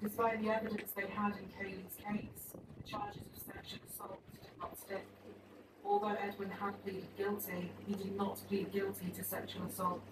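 A woman's voice: mid-range voice, little pitch movement, moderate pace, heavy background noise. A woman reading a scripted true-crime narration, played from a video in a workshop. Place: video playing aloud in a workshop. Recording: far-off playback in an echoey room.

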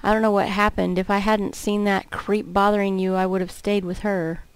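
A woman's voice: medium pitch, flat delivery, moderate pace, clean tone, no echo, natural voice. A woman voicing a stern, protective teenage boy in a dating game, in her own plain reading voice.

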